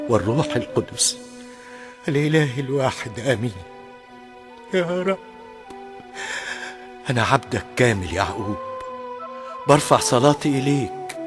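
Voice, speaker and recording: A man's voice: medium pitch, close to an everyday voice. A man playing a pleading Egyptian father. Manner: fervent, pleading prayer. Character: desperate praying father. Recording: background music.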